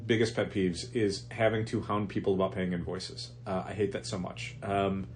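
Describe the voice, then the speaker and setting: Low-voiced guy with allergies explaining shop stuff on a podcast, faint hum behind. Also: level tone, moderate pace. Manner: explains at length with frequent restarts. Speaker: comic shop podcast co-host. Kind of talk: casual chat.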